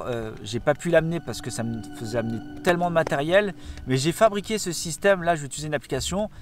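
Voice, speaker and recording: A young man narrating a paranormal investigation from a tent in a forest, explaining each step eagerly and often dropping to a hush. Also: a little high. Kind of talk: casual on-location narration.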